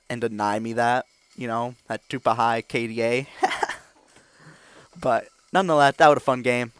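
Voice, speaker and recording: A gaming channel host delivers rambling, filler-heavy video game commentary, at times getting excited and loud. His medium-pitched voice is clear and resonant, with no echo.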